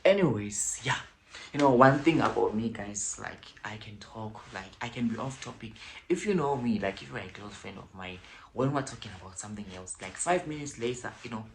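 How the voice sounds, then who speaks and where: A man hosting a casual commentary vlog, chatty and digressive, with frequent hushed, whispered asides. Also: fairly low pitch, lively intonation, a little fast, gravelly, a little hiss or hum, poor audio. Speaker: vlogger.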